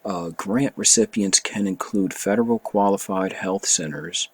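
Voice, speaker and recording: A man's voice: low voice, fairly even intonation, a little slow. A man reading a bill aloud and commenting on it in casual, emphatic opinion talk, often repeating and rereading phrases.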